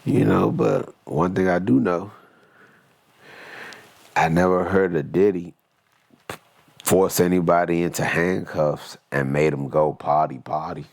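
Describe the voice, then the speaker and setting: A man's voice: sits low, lively intonation, a little slow, vocal fry, pauses often, darkish tone. A man giving joking, blunt commentary, reacting to a news clip. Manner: joking, blunt, slangy rambling with interjections. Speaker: reaction video host.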